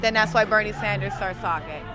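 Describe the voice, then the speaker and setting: A woman's voice: medium pitch, a little fast, music in the background, crowd noise. A young woman from Queens giving her views in an emphatic, frustrated way during a street interview. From Queens, New York. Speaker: voter. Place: outdoors on a city street.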